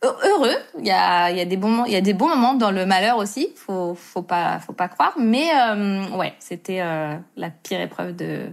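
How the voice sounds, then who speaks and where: A woman in her thirties talks casually as a guest on a podcast. She is easygoing and hesitant, and she laughs often. Her voice sits at an ordinary middle pitch. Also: animated, moderate pace, creaky, hardly any pauses. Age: 30s. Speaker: wedding tattoo artist, podcast guest. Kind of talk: casual interview chat.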